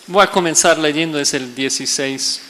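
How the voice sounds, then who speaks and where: A male pastor preaching a sermon, emphatic, rising to loud stressed words and dropping to hushed low lines. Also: normal speed, big-room sound, slight background noise.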